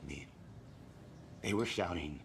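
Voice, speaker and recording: An actor playing a blunt, crude tourist husband in a video game, recounting events in a rambling way. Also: male voice, low voice, measured pace, slight background noise. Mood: shaken.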